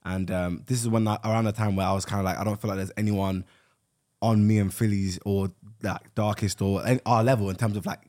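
A man's voice: lowish voice, steady tone, fairly quick, darkish tone. A young man telling a story in casual chat, informally checking that listeners follow.

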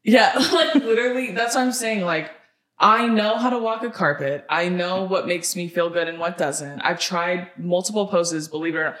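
A woman's voice: fairly low pitch, normal speed, a bit bright, reverberant. A woman co-hosting a podcast in casual chat, sassy and blunt, swearing freely and repeating phrases for emphasis. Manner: emphatic repetition for effect. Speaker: podcast co-host.

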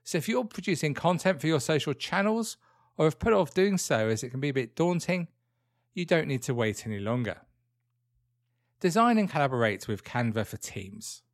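A man's voice: a little high, big pitch swings, normal speed, no echo, studio quality. A British man hosting a true crime podcast, narrating from a script in a conversational way with dryly wry asides. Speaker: podcast host.

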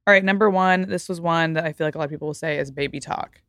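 This young woman hosts a podcast, speaking quickly and emphatically in a casual way, using "like" constantly and reading an ad. Her voice is deep yet fairly bright, and there's no echo.

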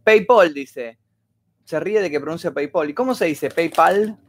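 A man with an Argentine Spanish accent hosts a casual livestream, rambling as he reads viewers' stories and messages aloud and thanks donors at length. His voice is fairly high and animated, at a moderate pace, with slight hiss or hum.

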